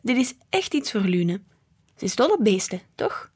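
A woman's voice: mid-range voice, very animated, normal speed, a little mellow, husky. A woman voicing a fussy husband customer who gets flustered and indignant.

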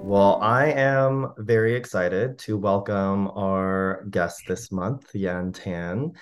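A man's voice: fairly low pitch, fairly even intonation, slow, faint music behind. A man hosting a podcast, upbeat and chatty, peppering his talk with "like". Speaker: podcast host. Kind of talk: casual podcast chat.

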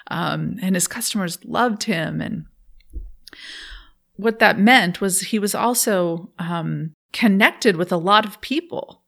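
A woman's voice: medium pitch, creaky, fairly bright tone. A woman guest speaking thoughtfully in an interview, laughing often while she tells a personal story.

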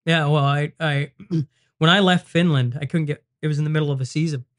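A man's voice: on the high side, steady tone, a little fast, dry recording, clean studio sound. A man from Canada, a guest in a podcast interview, speaking reflectively with hesitant fillers. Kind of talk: casual interview chat. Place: studio.

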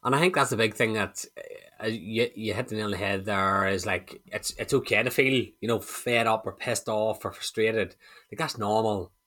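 Frank male coach, low pitch with a sharp bright edge, easygoing podcast talk. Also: moderate pace. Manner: frank, swears casually, explains with examples. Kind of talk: casual podcast chat.

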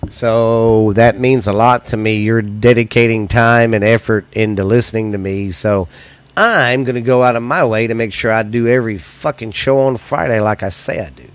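Here an American man with a lowish, smooth voice speaks at normal speed with fairly even intonation, hosting a solo podcast of profane, casual comic chat that's blunt and loose. His voice is slightly weak and stuffy, and there's no room sound.

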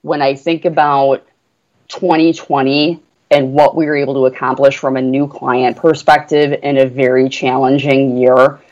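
A woman's voice: very deep voice, little pitch movement, moderate pace, a little mellow, lo-fi sound. Woman on a work podcast, earnest and chatty, lots of fillers. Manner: earnest, enthusiastic, many "you know" fillers. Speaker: guest, portfolio manager. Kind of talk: business podcast conversation.

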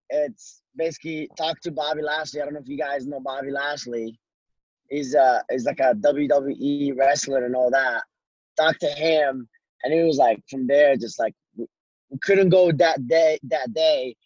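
A young man from Morocco, a fighter, talking loosely and haltingly in a casual interview, with lots of "like"s. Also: a little high, darkish tone, dry recording, lo-fi sound. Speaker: guest fighter.

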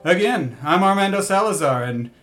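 A smug, boastful billionaire. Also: male voice, lively intonation, normal speed, a bit bright. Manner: grandiose, showy pitchman delivery. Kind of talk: comedic fake radio ad. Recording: guitar music bed under voice.

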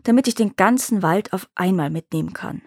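A woman's voice: medium pitch, a little fast, creaky, darkish tone, no room sound, clean studio sound. A woman reading the lines of a cunning young peasant man who boastfully bluffs a dragon in a storybook tale. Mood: sly.

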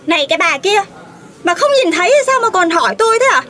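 A woman's voice: very animated, fast, sharp tone, full character voice. A woman voicing a brash, melodramatic young woman who wails and blusters in a comedic audio drama. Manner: shrill, theatrical, wailing.

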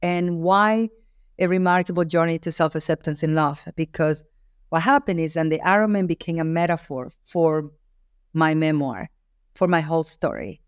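A woman's voice: sits low, moderate pace, clean tone, no room sound, studio quality. A woman from Ecuador, an author being interviewed, speaking earnestly and reflectively, with frequent restarts. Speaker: author and guest. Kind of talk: interview answer.

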